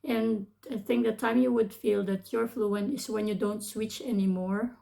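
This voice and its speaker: A Filipino vlogger in her thirties, whose first language is Tagalog, gives casual advice in a hesitant way with many restarts and a Filipino accent. Her medium-pitched voice is steady, creaky, and dark at a normal speed, and the audio is poor.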